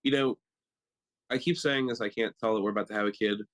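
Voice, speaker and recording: Animated man telling stories, mid-pitched. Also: fast. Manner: animated storyteller, fills with "like". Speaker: podcast co-host. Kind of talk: casual chat.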